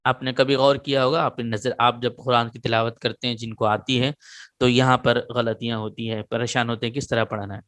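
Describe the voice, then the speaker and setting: A man's voice: medium pitch, dry recording. Patient man teaching letter sounds. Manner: patient, repeats letters slowly for students to note down. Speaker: Quran reading teacher. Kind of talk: online lesson.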